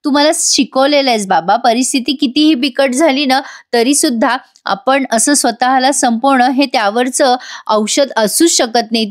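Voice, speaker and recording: A woman's voice: high voice, dry recording, studio quality. A woman voicing a hurt young woman pleading with her father in a retold TV drama. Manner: pleading, heartfelt.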